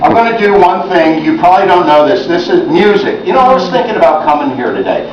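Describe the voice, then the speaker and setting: A man's voice: sits high, sing-song, fast talker, background noise. A middle-aged man performing chatty stand-up comedy for a crowd, talking to the audience and cracking jokes. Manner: chatty, jokey, addresses the crowd. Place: senior center hall. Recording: echoey hall, distant and dull.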